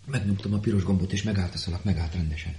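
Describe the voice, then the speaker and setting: A man's voice: low-pitched, roomy sound. A man voicing a dazed, droning simple son. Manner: flat, repetitive, dazed. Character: simple young man reporting to his mother, dazed.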